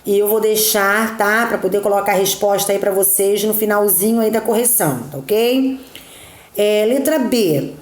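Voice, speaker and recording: A woman teaches a lesson in a slow, unhurried way, counting syllables aloud one at a time. She keeps checking that her students are following along. Her voice carries a roomy echo. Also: medium pitch, a little mellow. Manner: slow and patient, checking in with frequent "tá?" and "né?". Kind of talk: recorded remote class, going through textbook exercises.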